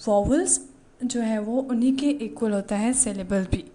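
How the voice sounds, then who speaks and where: A woman teacher giving an online class lecture, slowly explaining each word to young students. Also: on the high side, mellow.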